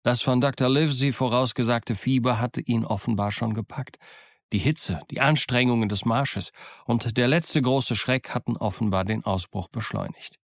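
A man narrating an audiobook in a calm, measured storytelling voice. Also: medium pitch, vocal fry, no room sound, clean studio sound. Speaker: audiobook reader. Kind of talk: scripted narration.

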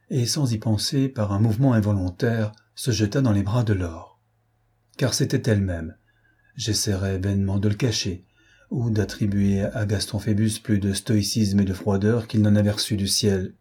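A male audiobook narrator reading literary prose in a measured, deliberate way. His voice sits low and sounds dark and mellow, with a husky, slightly breathy texture. Each sentence is shaped with care.

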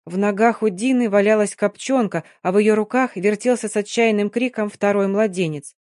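A woman reads a novel aloud in an even, expressive storytelling voice. The sound is dry and close, with no room echo. Her pitch sits in a middle range. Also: moderate pace. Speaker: audiobook reader. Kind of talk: scripted narration.

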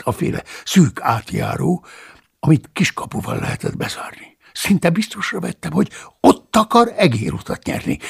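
A man narrating an audiobook in the first person, with a dramatic, expressive reading. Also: fairly high pitch, vocal fry, breathy edge.

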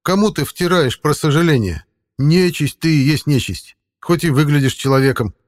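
A man's voice: a little high, moderate pace, voice pushed up, close to an everyday voice. Man voicing a snappy sarcastic tomcat. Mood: scornful. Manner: scolding, mocking. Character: sardonic male talking cat mentor, snappy. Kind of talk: audiobook character voice.

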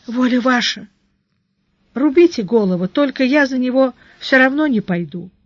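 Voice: high voice, expressive, normal speed, no echo. Reader voicing a sulky, stubborn young girl. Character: young peasant-born girl, defeated, stubborn and furious. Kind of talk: audiobook character voice. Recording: dull lo-fi dry recording.

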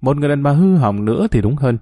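A man voicing a hurt, bitter young woman who was once married, speaking in a pleading tone in his own mellow, dry-sounding voice. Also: medium pitch, lively intonation, quick pace, dry recording, natural voice.

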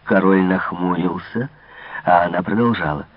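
Husky low-voiced man reading a novel. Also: normal speed, no room sound. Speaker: audiobook reader. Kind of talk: scripted literary narration. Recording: dull lo-fi dry recording.

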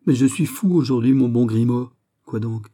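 Brief: man playing a frantic young nobleman, agitated questions, husky timbre. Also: mid-range voice, normal speed, dark tone, lightly acted. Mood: distraught. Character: young male nobleman, distraught and impulsive.

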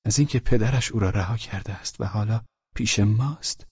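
A caring woman speaking in calm, earnest tones, as a male narrator reads her in his own low husky voice. The delivery stays quiet and steady. The recording is dry and a little dull. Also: no room sound.

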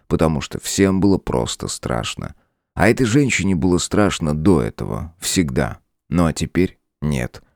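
A man narrating a fantasy audiobook in an expressive storytelling manner. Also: deep voice, dry recording, clean studio sound. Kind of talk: scripted narration.

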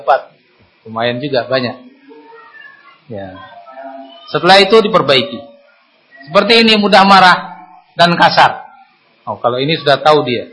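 A man preaching a Friday sermon in a mosque, lively and conversational, with sudden lifts in pitch and rhetorical questions. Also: slight background noise, poor audio.

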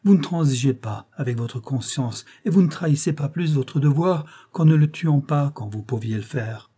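A man's voice: normal speed, mellow, husky. Man voicing a desperate pleading mother. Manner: pleading, emotional, rising high.

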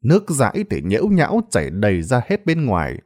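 A man narrates a ghost story in a practiced storytelling voice. His pitch rises and falls widely as he builds the scene. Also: a little fast. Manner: expressive storytelling with lively pitch. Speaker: horror storyteller.

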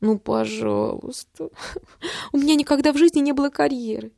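A woman's voice: high-pitched, normal speed, vocal fry, warm tone, dry recording, clean studio sound, pitched above the performer's own voice. A woman reading an audiobook, voicing a pushy, theatrical older mother with a gushing, wheedling manner. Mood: melodramatic.

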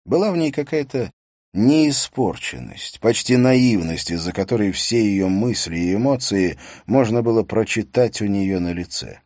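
A man reading a thriller audiobook in a measured, even storytelling voice. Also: on the low side, no echo, clean studio sound. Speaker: audiobook narrator. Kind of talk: scripted audiobook narration.

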